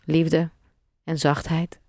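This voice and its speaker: A woman leading a guided meditation, speaking gently and calmly in short, spaced phrases with long pauses. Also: deep voice, no echo, studio quality.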